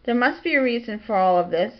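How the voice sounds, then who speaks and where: A woman blogger talking quietly in a casual home vlog, reading out lists of titles and dates from her home office. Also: a little high, lively intonation, fast talker. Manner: soft-spoken, quiet delivery. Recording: dull lo-fi home recording.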